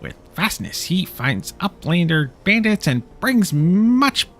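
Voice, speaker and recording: A man's voice: high-pitched, big pitch swings, slow pace, fairly bright tone, soft background music, voice pushed up, heavily acted. A man voicing a pompous, well-spoken male goblin in a fantasy game, who mixes broken grammar with big words. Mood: storytelling.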